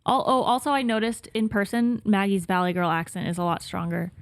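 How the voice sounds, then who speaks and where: A young woman co-hosting a podcast in casual chat, teasing her friends with dry, quick retorts. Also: mid-range voice, flat delivery, smooth, no room sound. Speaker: podcast co-host.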